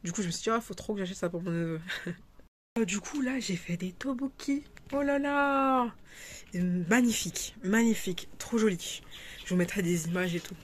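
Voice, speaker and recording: A woman's voice: lowish voice, a little fast, slight background noise. Chatty young woman vlogging casually. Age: 20s. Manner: chatty, rambling, many fillers and restarts, laughs often. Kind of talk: casual vlog chat.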